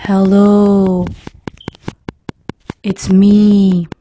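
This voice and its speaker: A woman's voice: medium pitch, little pitch movement, dark tone, slight background noise, voice pushed down, low-quality recording. A woman putting on a soothing ASMR host voice in a whispered role-play, drawing each word out. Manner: slow, drawn-out, coaxing English. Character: soothing female ASMR host, slow and coaxing.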